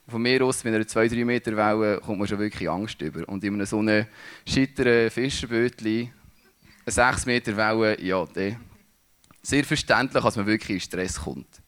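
A man giving a sermon, speaking in a halting way with restarts as he searches for words. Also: lowish voice, a bit bright, clean tone. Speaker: preacher.

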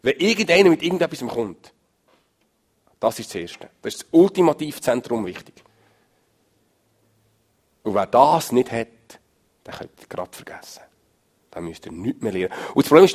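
Gravelly, husky preacher. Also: male voice. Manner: emphatic, swings from loud stress to low murmur. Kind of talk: sermon.

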